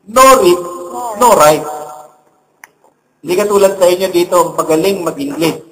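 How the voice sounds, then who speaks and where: A man's voice: high voice, a little slow, a bit bright. A man preaching as a priest, telling humorous stories in a sermon in a large church. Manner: humorous storytelling with jokes. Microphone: recorded from among the congregation. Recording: distant church recording, faint hum.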